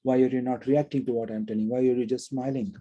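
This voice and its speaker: A man voicing an angry Brahmin who scolds and demands answers, in a dark, husky voice. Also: mid-range voice, fairly even intonation, fast talker, dull audio, lightly acted. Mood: indignant. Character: angry indignant Brahmin man, middle-aged.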